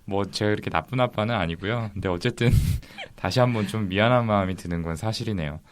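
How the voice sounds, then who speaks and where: A man's voice: on the low side, fairly quick. A man and father co-hosting a podcast, self-deprecating and laughing as he talks. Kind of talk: casual podcast chat.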